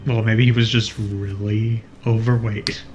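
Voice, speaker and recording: A man's voice: lowish voice, little pitch movement, unhurried, highs cut off, over loud music. A man commentating on a video game, explaining its mechanics with dry, wry remarks. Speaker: let's play commentator. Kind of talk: casual gaming commentary.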